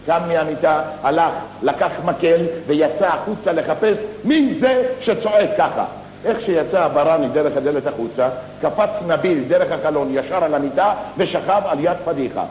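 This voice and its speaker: A man spins comic tales on a theater stage, animated and full of slangy asides. His voice sits fairly high. The live recording carries a long, echoing hall reverb and faint background noise. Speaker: stage comedian. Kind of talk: theatrical comic storytelling monologue.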